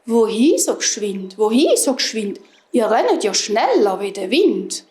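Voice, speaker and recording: A woman with a Swiss German accent voicing a calm, sly male fox in a spoken children's story, speaking slowly and with composure. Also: on the high side. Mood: questioning. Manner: slow and composed. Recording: roomy echo.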